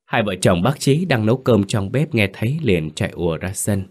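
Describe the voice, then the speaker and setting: Casting: male storyteller, low voice, grave and tense horror narration. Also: lively intonation, normal speed, slightly rough.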